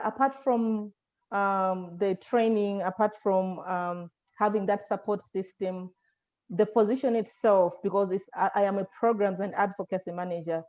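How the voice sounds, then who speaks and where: A woman from Malawi, an advocacy manager, answering thoughtfully on a panel with many pauses and fillers. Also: medium pitch, a little mellow. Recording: dull video call audio.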